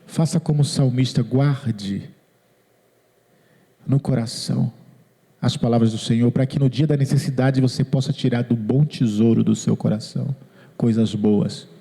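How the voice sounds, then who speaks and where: A man's voice: medium pitch, fairly even intonation, moderate pace, creaky, mellow. A man, preaching a sermon as pastor, earnest and repeating his phrases, quoting people in their own words. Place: church hall. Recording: long hall reverb.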